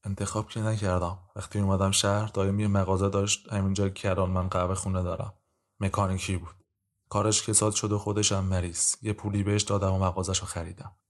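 A man's voice: deep voice, level tone, lightly acted. A man reading a weary, muffled woman defendant. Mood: subdued. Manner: muffled, quiet, reluctant answers. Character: guarded, weary woman of thirty on trial.

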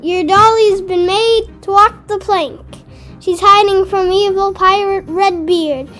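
A woman voicing a young boy rabbit pretending to be a pirate captain, with playful pirate talk over soft music. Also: very high-pitched, fairly even intonation, slow, pitched above the performer's own voice, exaggerated voice.

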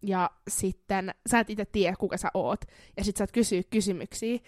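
A woman's voice: medium pitch, fairly even intonation, no room sound. Playful woman podcast host, dry sound. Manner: playful, giggly, drops to near whispers. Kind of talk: casual podcast game chat.

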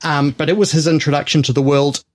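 A man's voice: on the high side, level tone, fast. A man co-hosting a film podcast, chatting casually in a rambling, jokey way with frequent restarts. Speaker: podcast co-host.

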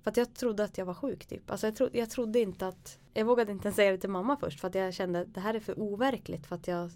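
Young woman chatting, telling a spooky story from when she was a kid, gets animated and acts out what she said. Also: medium pitch. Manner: animated, acts out her own past lines. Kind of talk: casual storytelling chat.

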